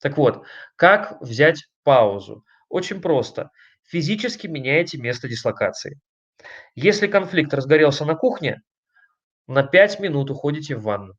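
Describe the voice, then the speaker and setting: A man giving an online lecture on family communication, talking emphatically and conversationally, putting questions to his listeners and pausing on fillers between points. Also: fairly high pitch, very animated, lo-fi sound. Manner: emphatic, conversational, addresses listeners directly with frequent rhetorical questions.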